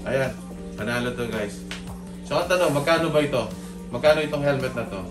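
A man's voice: medium pitch, normal speed, distant mic. A man reviewing a motorcycle helmet in a casual vlog at home, talking through a face mask in an upbeat way and often saying "ayan". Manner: upbeat, peppers talk with "ayan". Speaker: motorcycle vlogger. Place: at home indoors. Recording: roomy, from off-mic, loud music behind.

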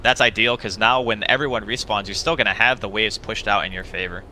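Low-voiced quick-talking male analyst. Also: fairly even intonation, sharp tone, a little hiss or hum, rough recording. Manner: casual, matter-of-fact analysis. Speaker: esports analyst. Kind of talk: color commentary.

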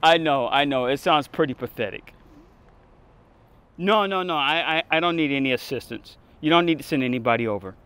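Firm police captain played by an actor, higher-voiced. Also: male voice, brisk, a bit bright, clear, resonant tone, lightly acted. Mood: relaxed, amused. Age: middle-aged. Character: firm, authoritative middle-aged male police captain, off duty. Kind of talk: acted drama dialogue. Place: outdoor parking lot.

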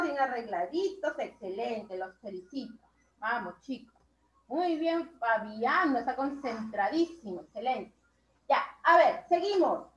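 A woman teaches young children over a video call, praising them one by one. Her voice sits high and moves slowly, stretching her words. The sound is roomy and a little dull. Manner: slow, drawn-out words, warmly praising children. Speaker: primary school teacher. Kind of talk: online class instruction.

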